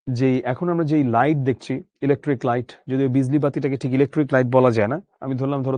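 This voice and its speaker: A man's voice: medium pitch, darkish tone, dry recording. A man from Bangladesh, teaching an explanatory lecture, explaining line by line, asking rhetorical questions and checking that students follow.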